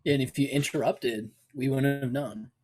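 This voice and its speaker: A man's voice: mid-range voice, steady tone, moderate pace, a crowd in the background, poor audio. A young man co-hosting a podcast, chatting in a laid-back, easygoing way. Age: young adult. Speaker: co-host. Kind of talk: casual podcast chat.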